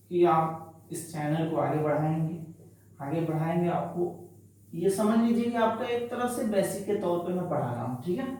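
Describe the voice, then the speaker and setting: Chatty teacher in a very echoey room. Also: male voice, sits high, a little mellow, recorded from a distance. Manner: chatty, reassuring, repeats key words. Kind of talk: online classroom lesson. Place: echoey classroom, writing on a board.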